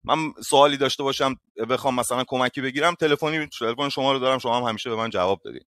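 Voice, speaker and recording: A man hosting an online voice room, speaking in a measured, apologetic, placating way. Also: mid-range voice, a bit bright, no echo, clean studio sound. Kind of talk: calm conciliatory talk.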